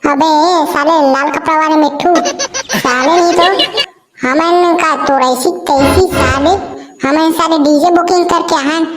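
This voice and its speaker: A woman's voice: sits high, steady tone, a little slow, echoey room, over loud music. A woman voicing a cartoon character with a Chhattisgarhi accent, threatening and bossy. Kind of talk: comic cartoon dialogue.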